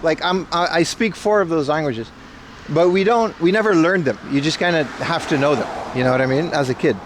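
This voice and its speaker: A man with a fairly high voice and an American accent rambles casually to his livestream viewers. He is playful and slangy. Clear street noise and passing cars sit behind him outdoors. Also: brisk. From Aruba. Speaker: livestream host. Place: outdoors in a rural Japanese town on a rainy day. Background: traffic and outdoor ambience.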